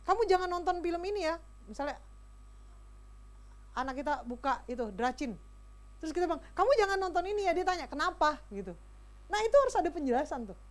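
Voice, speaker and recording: A woman giving a lively, chatty parenting talk to parents at a school event, speaking directly to the audience. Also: high-pitched. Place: school hall.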